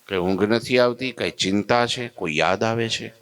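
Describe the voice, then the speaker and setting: An anxious young disciple who clings to his master and fires off one worried question after another, as a male preacher puts him on. His voice sits a little higher than the storyteller's, with a lilt. It comes in lower than most men's voices. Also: normal speed, a bit bright. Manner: pleading, fussing with worried questions.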